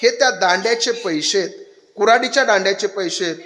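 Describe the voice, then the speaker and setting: A man's voice: high-pitched, fast. A man putting on the voice of a stern king questioning a blacksmith in a parable. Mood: commanding. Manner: commanding, questioning. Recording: echoey hall with loud crowd noise.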